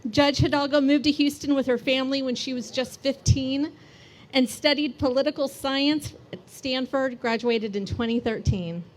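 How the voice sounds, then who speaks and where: Woman emcee, somewhat high voice, friendly podium introduction with quips. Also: normal speed. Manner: light, joking asides. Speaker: event emcee introducing the speaker. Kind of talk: speech introduction.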